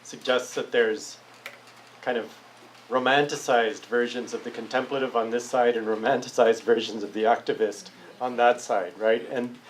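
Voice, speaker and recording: A man leads a public philosophy discussion in a café discussion room, speaking thoughtfully and searchingly and often restarting his phrases. His medium-pitched voice has fairly even intonation and a moderate pace. The recording is low quality, with slight background noise.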